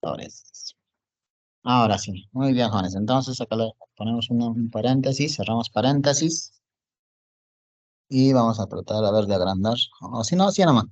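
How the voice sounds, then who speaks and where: A man's voice: mid-range voice, moderate pace, darkish tone, dry recording. A man teaching a class, typing on screen as he explains and often asking the students if they follow. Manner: repeats "jóvenes" and "¿no es cierto?" often; talks while typing on screen. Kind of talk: online class lecture. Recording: dull dry recording.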